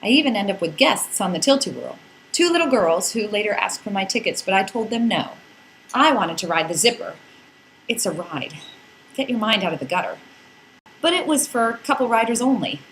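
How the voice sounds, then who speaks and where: A podcast narrator reads a blog aloud, delivering a scripted first-person comic story in a playful, wry, theatrical way with dramatic emphasis. Her mid-range voice has lively intonation, a moderate pace, and a fairly bright tone. The recording is low quality, with a little hiss or hum.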